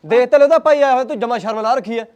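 An actor playing a young husband with a Punjabi accent, heated and fast-talking against his mother, in a family drama skit. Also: fairly high pitch, a little mellow, natural voice. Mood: angry.

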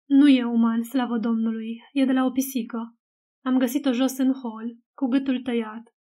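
Femeie care citește un bărbat în vârstă, aspru; voce înaltă, moale. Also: female voice, a little high, steady tone, warm tone, natural voice. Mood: grim. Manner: gruff. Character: gruff older man, family friend.

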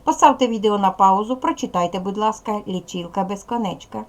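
A woman's voice: medium pitch, fairly quick. A woman teaching a video lesson to young pupils, patient, asking questions and answering them herself. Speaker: primary school teacher.

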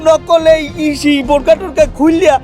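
A man's voice: extremely high pitch, fairly even intonation, fairly quick, warm tone. A man playing a sly brother who tells his story in a sing-song way, over background music.

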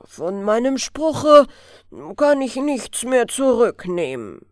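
A woman voicing a stern male fir-tree spirit, a little gnome grown huge, who scolds loudly and slowly in a storybook. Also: very animated, no echo, clean studio sound. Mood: stern, relenting. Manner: booming, scolding, slow and solemn.

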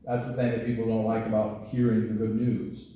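A man's voice: on the low side, level tone, brisk, dark tone, slight background noise. A middle-aged man preaching a sermon from a pulpit, talking conversationally with frequent restarts, on a headset mic. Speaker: pastor. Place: church sanctuary at a pulpit. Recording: roomy church echo, distant mic.

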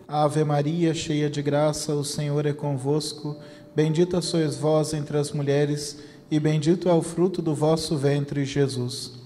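A man with a Brazilian Portuguese accent reciting the rosary in a steady chant. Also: a little high, measured pace. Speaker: rosary prayer leader. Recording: long reverb with faint noise.

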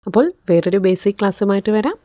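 A woman's voice: mid-range voice, animated, fast, mellow. A Malayalam-speaking woman, teaching English phonics online, patiently spelling words out letter by letter.

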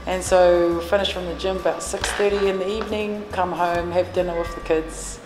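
Her lowish, steady voice moves at a normal speed as this New Zealand café owner and fitness trainer in her forties answers interview questions with earnest fillers and restarts. The indoor café recording is echoey, with long reverb and music playing.

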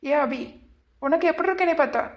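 A woman's voice: very high voice, fast. A woman voicing a worried husband and older brother in a cartoon, troubled and brooding. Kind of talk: cartoon family drama.

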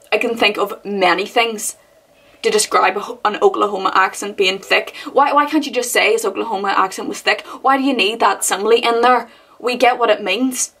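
Woman, book review rant, exasperated, rambling, husky tone. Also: medium pitch, a bit bright. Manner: exasperated, rambling, with many fillers.

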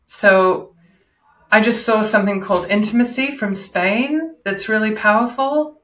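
A woman who works as a voice and performance coach, talking as a guest in an interview in a measured, explanatory way. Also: mid-range voice, a bit bright, slight background noise. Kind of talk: casual interview.

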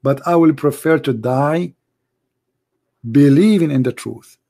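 A man's voice: on the high side, measured pace, dark tone. Impassioned man preaching with a strained voice. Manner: impassioned, preachy, broken grammar. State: losing his voice. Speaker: call-in show host. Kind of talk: live call-in religious debate.

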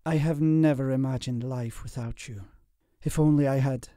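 A man's voice: medium pitch, fairly even intonation, moderate pace, mellow, dry recording, studio quality, close to an everyday voice. A man reading the part of a grave medieval lord saying farewell, solemn and pleading. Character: grave, loving medieval lord parting forever.

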